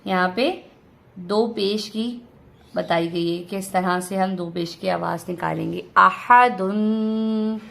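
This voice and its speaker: A woman teaching an online reading lesson. She sounds out syllables slowly and loudly, then explains quickly between drills. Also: lowish voice, steady tone, gravelly.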